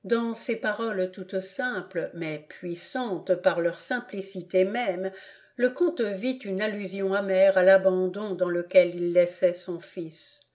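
A woman reading a classic novel aloud as an audiobook narrator, slowly and deliberately. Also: medium pitch, steady tone, darkish tone. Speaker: audiobook reader.

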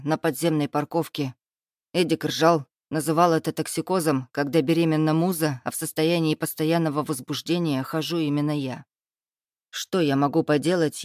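A man reading a first-person novel aloud as an audiobook narrator, in an even storytelling read. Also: a little high, no room sound, clean studio sound.

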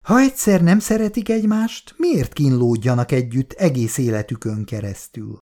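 A reader voicing Icu, a lively and outspoken young woman in a storybook reading. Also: rumbling low. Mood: urging.

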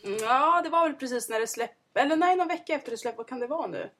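A woman's voice: high voice, expressive, a bit bright. A woman co-hosting a gaming podcast in casual chat, often agreeing and using many fillers. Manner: frequent agreeing backchannels and fillers. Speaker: podcast co-host.

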